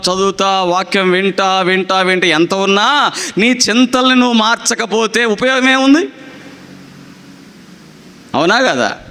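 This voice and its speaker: Emphatic preacher with a bright voice. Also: male voice, high voice, big-room sound. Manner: emphatic, repetitive, calls for clapping. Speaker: pastor. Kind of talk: sermon.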